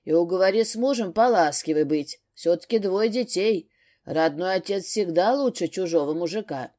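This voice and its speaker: A woman voicing a blunt middle-aged father who speaks low and grumbles in an audiobook. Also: normal speed, warm tone, natural voice. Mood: gruff.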